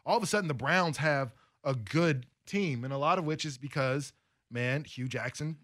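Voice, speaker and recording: A man's voice: on the high side, normal speed, fairly bright tone, no room sound, clean studio sound. A man co-hosting a sports radio show, talking through football in a rambling, chatty way with lots of fillers. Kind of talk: casual sports radio talk. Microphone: studio mic.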